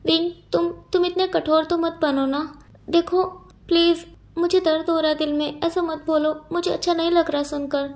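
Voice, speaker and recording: A woman's voice: extremely high pitch, fairly even intonation, normal speed, voice pushed up. A woman voicing a lovesick young man in a storybook reading, pleading earnestly and tearfully.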